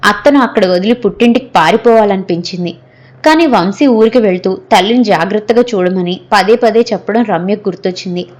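A woman narrating a serialized audio novel in a steady, even storytelling manner. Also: mid-range voice, a little fast.

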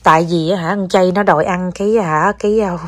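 A woman's voice: on the low side, fairly even intonation, a little fast, no echo, studio quality. A young Southern Vietnamese woman chatting at home in a casual family vlog, coaxing her child and talking to viewers, slipping English words in. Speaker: mother vlogging with her child. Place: home, indoors.

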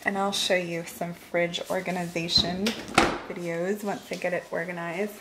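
Heavy background noise surrounds a woman's fairly low voice, which has a flat delivery and a moderate pace. She is a home vlogger in her thirties giving a casual, upbeat tour of a large house with an open living room and kitchen. She films herself off screen with a handheld camera, chatting with many fillers.

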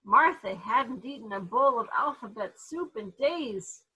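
Breathy, bright-voiced woman reading a storybook. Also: on the high side, a little slow, low-quality recording. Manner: animated, puts on voices for characters. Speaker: therapy dog handler reading to kids. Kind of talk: storybook read-aloud.

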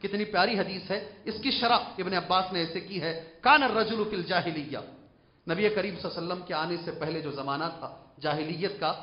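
A man from India, preaching a Quran commentary sermon in a mosque, pressing young listeners with repeated questions and moving between soft asides and raised exhortation. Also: sits high, few pauses, roomy sound. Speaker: Islamic preacher. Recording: dull lo-fi mosque recording.

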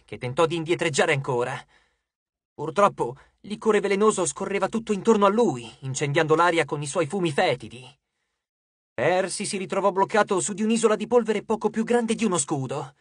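A man narrating an audiobook in a steady, expressive storytelling voice. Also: sits high, slightly rough, no echo, studio quality. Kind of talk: scripted narration.

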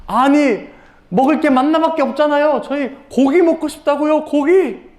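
A children's teacher voicing hungry Israelites in the desert, in a high pleading whine. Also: moderate pace, darkish tone, roomy sound, natural voice. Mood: whining. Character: whining hungry Israelites in the desert, complaining adults.

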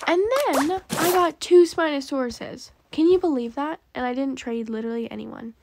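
A woman's voice: sits high, normal speed, vocal fry, background noise. A young woman hosting a gaming channel, chatting casually about her game pets and often saying "like" and "um". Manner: chatty, says "like" and "um" a lot.

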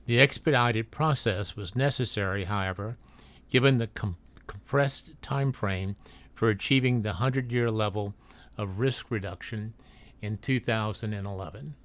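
Reading a factual voice-over for a drone video, this man has a lowish, fairly bright voice and a moderate pace. He makes occasional small slips and restarts as he goes.

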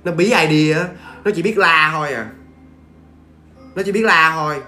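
A man's voice: on the high side, normal speed, bright, forceful tone, reverberant. A man with a Southern Vietnamese accent telling a ghost story in a chatty, familiar way to his listeners. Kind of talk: casual spoken storytelling.

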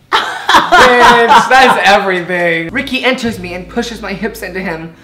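A woman's voice: mid-range voice, animated, a little slow, noisy background. Giggly, brash young woman reading aloud. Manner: giggly, brash, swears a lot, dramatic readings. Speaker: vlogger. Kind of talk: comedic reading aloud with friend. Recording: roomy echo, faint music.

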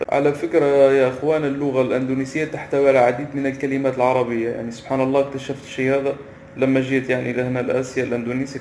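A man chats quickly to camera, halting and restarting as he searches for words. His voice is gravelly and stays flat. The recording is roomy, with faint ambience behind him. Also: mid-range voice, a little hiss or hum. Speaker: vlogger. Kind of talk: casual vlog to camera.

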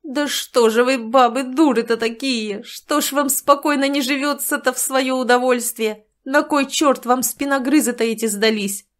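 A woman doing a gruff old village man. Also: medium pitch, steady tone, moderate pace, darkish tone, natural voice. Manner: gruff, blunt and coarse. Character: crude, grumbling older village man.

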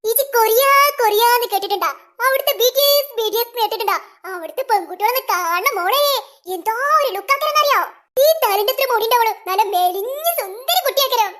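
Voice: very high-pitched, quick pace, fairly bright tone. A performer voicing a gossipy, teasing cartoon kid.

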